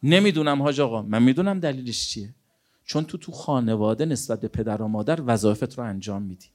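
A man's voice: fairly low pitch, darkish tone. A man preaching a sermon in an earnest, exhorting way, often asking rhetorical questions. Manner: rhetorical questions, acts out imagined dialogues.

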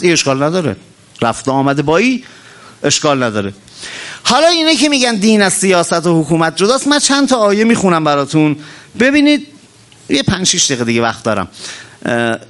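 A man delivers an impassioned sermon, his fairly high voice swooping widely as he moves from urgent appeals to low, heavy asides. He slows down to chant the scripture verses he quotes. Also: fairly bright tone. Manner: impassioned, rises and drops sharply in pitch; chants Quranic verses slowly. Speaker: cleric. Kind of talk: religious sermon.

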